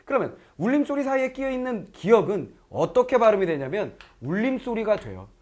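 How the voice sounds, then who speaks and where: A middle-aged man with a high-sitting voice and a slightly fast pace teaches Korean grammar in an online lecture. He's lively, keeps checking whether students follow, and acts out foreign learners' lines in quoted voices.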